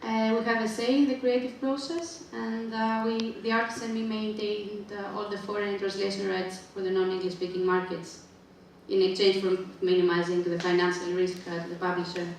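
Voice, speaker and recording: A woman from Greece whose first language is Greek, presenting her book to an audience in halting phrases full of filler sounds. Her voice is gravelly and sits at a middle pitch. She is picked up from a distance in a very echoey hall, with faint ambient noise underneath. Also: little pitch movement. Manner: hesitant, many filler sounds between phrases. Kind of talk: public book presentation talk.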